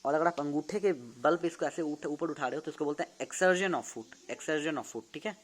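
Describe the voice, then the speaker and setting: A young adult man, a medical student, gives a casual anatomy lesson, demonstrating movements and often repeating terms to check understanding. His voice is on the high side and brisk.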